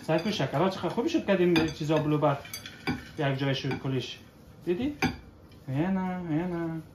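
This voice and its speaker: A man, gently coaching his child through baking at home, checking in with short questions. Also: on the high side, slight background noise. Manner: patient, coaxing, keeps checking with short questions. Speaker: father cooking with his child. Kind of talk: casual instructional chat with a child. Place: home kitchen. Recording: echoey kitchen room.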